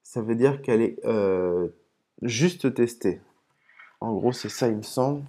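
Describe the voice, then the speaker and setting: A man hosting a casual gaming video, explaining terms patiently between hesitant pauses and muttered curses at his own mistakes. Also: medium pitch, warm tone. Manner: hesitant, with frequent "euh" and restarts. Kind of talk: casual commentary while opening game cases.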